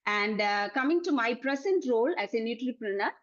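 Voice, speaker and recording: A woman's voice: fairly high pitch, expressive, a little fast, fairly bright tone, lo-fi sound. A woman in her forties from Kerala with a Malayali accent, giving a personal presentation about her working life as a dietitian. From Kerala, India. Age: 40s. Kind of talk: personal presentation recounting a career journey.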